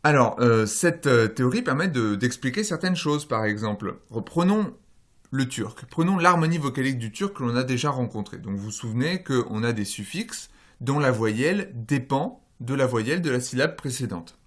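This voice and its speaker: Male lecturer, recorded course, methodical and patient, fills pauses with "euh", rephrases himself as he goes. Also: mid-range voice, lively intonation, a bit bright. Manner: explanatory, walks through slides and tables step by step; frequent "euh" fillers and self-corrections. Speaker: phonology lecturer.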